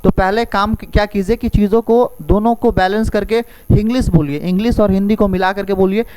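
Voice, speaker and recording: A man teaching a spoken English lesson, repeating each phrase slowly and quizzing the listener with questions. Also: high-pitched, fairly even intonation, a little mellow, low-quality recording. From India.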